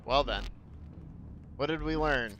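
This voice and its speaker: Bright-voiced, cursing game streamer man. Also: mid-range voice, slow, muffled recording, slight background noise. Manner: profane, complaining, sardonic. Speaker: streamer playing a shooter game. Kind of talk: casual gameplay commentary.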